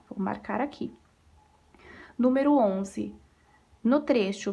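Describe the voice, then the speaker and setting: A Brazilian woman teaching young pupils in a recorded lesson, going through exercises one by one. Her voice sits a little high, and she talks patiently, posing questions and answering them herself. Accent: Brazilian Portuguese. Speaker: primary school teacher.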